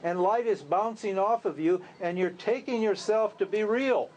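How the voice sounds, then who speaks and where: A man's voice: high-pitched, normal speed, a little mellow, muffled recording, slight background noise. A man, a spiritual teacher, giving an informal talk to a group, conversational and full of rhetorical questions. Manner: conversational, rhetorical questions, laughs at his own lines.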